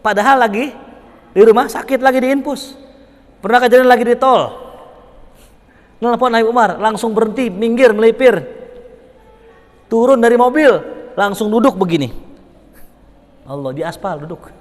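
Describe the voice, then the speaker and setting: A young man giving an informal religious study lecture, animated and chatty, acting out little dialogues and chuckling between points. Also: normal speed, long pauses, in a large hall. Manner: animated, acts out dialogues with big pitch jumps, chuckles often. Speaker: religious teacher.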